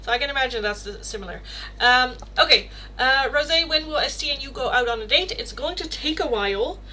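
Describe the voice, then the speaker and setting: On a low-quality recording with a bit of hiss or hum, a young woman with a Rotterdam accent runs a laid-back tarot livestream in Dutch. Her high-sitting voice is animated, a little fast and sharp-toned, and she rambles through chat questions chattily, with lots of fillers and self-corrections.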